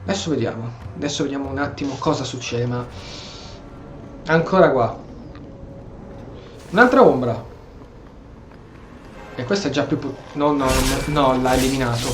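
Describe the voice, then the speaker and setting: An Italian-accented gamer provides casual gameplay commentary, thinking out loud and often repeating himself, with game music behind him. His mid-range voice is briskly paced with lively intonation and long pauses, and the sound is roomy.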